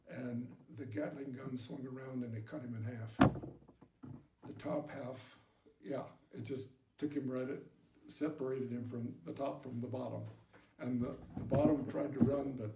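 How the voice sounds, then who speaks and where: An older war veteran recounts his wartime memories in an interview, his medium-pitched voice dark in tone. He speaks haltingly and reflectively, with long pauses. The distant mic picks up roomy echo and background noise.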